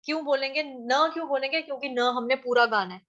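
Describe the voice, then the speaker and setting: A woman teaching how to chant Sanskrit verses, chanting each line slowly and then explaining the sounds syllable by syllable in a chatty, patient way. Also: high voice, a bit bright, dull audio. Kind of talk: online class teaching verse pronunciation.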